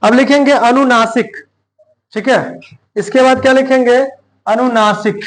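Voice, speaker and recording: A man, teaching grammar slowly in a classroom style, repeating phrases and answering his own questions. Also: very high-pitched, steady tone, poor audio. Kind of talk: slow classroom explanation with questions to students.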